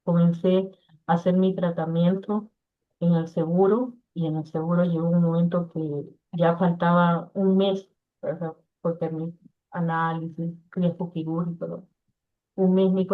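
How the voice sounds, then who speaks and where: A woman giving an earnest personal testimony in an interview, acting out what others said to her. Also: fairly low pitch. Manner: earnest, quotes others in lively voices. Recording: tinny phone-like audio.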